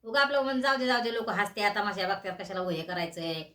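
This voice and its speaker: A woman's voice: medium pitch, expressive, fairly bright tone, echoey room. A middle-aged woman, speaking as a mother, pleading with her daughters to make peace and sounding worn out. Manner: pleading, weary, quick. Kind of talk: pleading family talk.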